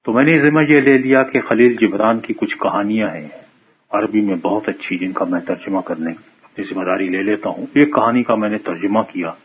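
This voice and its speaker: A man retelling a translated story from memory in a lively, conversational way. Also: lowish voice, slight background noise. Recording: muffled phone-like radio sound.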